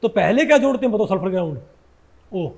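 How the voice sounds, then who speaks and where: A man teaches a chemistry class in a fairly high voice. He talks his students through each step by asking them questions, and he catches and corrects his own slips as he goes. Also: animated, fast talker, gravelly, darkish tone. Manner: keeps asking students questions, often says "bhai"; corrects himself mid-sentence. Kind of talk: Hindi classroom lecture.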